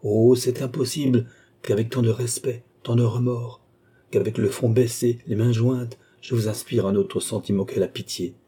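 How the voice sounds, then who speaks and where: A man's voice: medium pitch, fairly even intonation, moderate pace, warm tone, husky, natural voice. A man reading an audiobook, voicing a remorseful young man who pleads with earnest intensity. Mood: pleading. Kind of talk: audiobook character voice.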